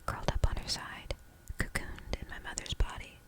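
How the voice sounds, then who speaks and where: A woman reading a novel aloud for ASMR in a soft, hushed whisper, slow and deliberate.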